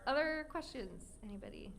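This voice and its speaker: A woman who hosts a podcast and works as a reporter, explaining things in quick asides at a live audience event. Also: high voice, lively intonation, background noise.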